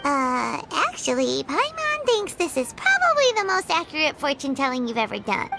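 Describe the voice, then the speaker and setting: A woman voicing a tiny, cheeky, chatty childlike fairy companion in a video game, in a squeaky voice. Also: wildly swooping pitch, normal speed, creaky, very noisy, exaggerated voice. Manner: squeaky, refers to self in third person.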